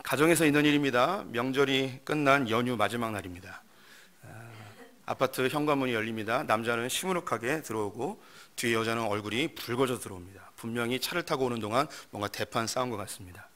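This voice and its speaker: A male pastor preaching a sermon, explaining the point in a measured, storytelling way. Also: mid-range voice, fairly bright tone. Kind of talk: sermon with acted-out skits.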